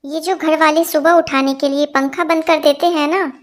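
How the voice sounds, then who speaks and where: A woman with a high voice reads a run of short jokes aloud. She slips into the quoted lines as she goes, keeping a quick joke-telling pace. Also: fairly even intonation, heavy background noise. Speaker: joke narrator.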